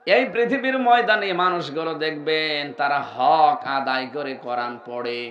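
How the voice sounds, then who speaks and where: A male preacher with a Bangladeshi Bengali accent gives a sermon to a large gathering, jumping from loud shouted peaks to low quiet asides, chanting verses and quizzing the crowd like a class. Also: a little hiss or hum. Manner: questions and drills the crowd like a class. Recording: echoey, dull public-address sound.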